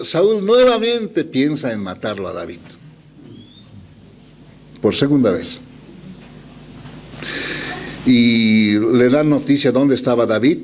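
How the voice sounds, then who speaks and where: A man's voice: medium pitch, a little mellow. A man preaching a storytelling sermon, retelling scripture and addressing the listeners as brothers. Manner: slow deliberate scripture reading.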